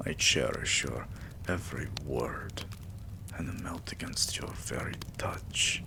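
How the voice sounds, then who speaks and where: A very deep, exaggerated male voice portrays an adoring yet weary vampire king for a romantic ASMR roleplay. He speaks intimately and tenderly, his murmur a gravelly, breathy half-whisper.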